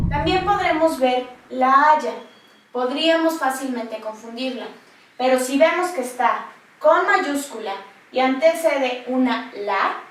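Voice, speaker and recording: Slow high-voiced woman teaching spelling. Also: a bit bright. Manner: slow, deliberate dictation-like delivery. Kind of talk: slow scripted lesson narration. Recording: echoey, from far off the mic.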